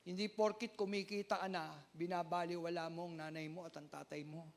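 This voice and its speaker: High-voiced Filipino pastor preaching loudly. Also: male voice, little pitch movement, brisk. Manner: loud, often sounds like shouting; calls out to the congregation for amens. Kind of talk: sermon.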